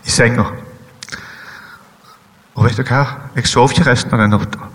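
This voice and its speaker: A man telling a personal faith testimony in a halting, hesitant way, pausing often with fillers. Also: mid-range voice, fairly even intonation, a bit bright, big-room sound. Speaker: guest giving a personal testimony. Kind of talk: emotional spoken testimony.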